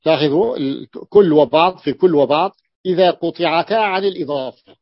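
A man's voice: on the high side, brisk, dry recording. A male sheikh teaching a grammar lesson to students, repeating and drawing out words to stress them. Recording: dull lo-fi dry recording.

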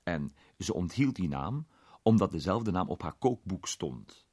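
A man's voice: low voice, sing-song, measured pace, a little mellow, husky, no room sound, studio quality, heavily acted. A man doing a curt police inspector. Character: plain-spoken male police inspector.

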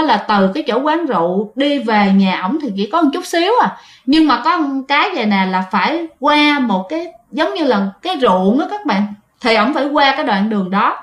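A woman telling a ghost story casually, chatting to her listeners and often restarting her sentences. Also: a little high. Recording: roomy echo.

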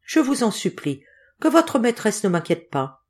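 A woman reading an audiobook, voicing a solemn female fortune-teller who speaks gravely and counts out cards slowly. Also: on the high side, very animated. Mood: pleading.

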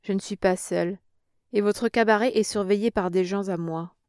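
A brave young woman, read by a woman narrator, speaks in a cold, curt and commanding tone. Her voice sits at a middle pitch, close and dry. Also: steady tone, moderate pace, darkish tone, clear, resonant tone, no echo, lightly acted.

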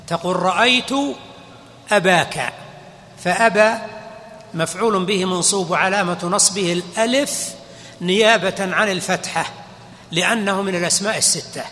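A man's voice: sits high, sharp tone. A man teaching grammar as a sheikh, explaining step by step and quizzing his listeners. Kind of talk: classroom explanation. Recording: long hall reverb.

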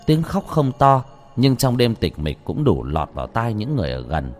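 A man narrating a ghost story in an animated, earthy way. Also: medium pitch, moderate pace. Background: faint music.

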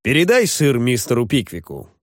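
A hot-tempered old gentleman, voiced by a male narrator blusters gruffly, his pitch swinging widely. He speaks as an older man used to being obeyed. The recording is close and dry. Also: huge pitch swings, normal speed, no room sound. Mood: stern.

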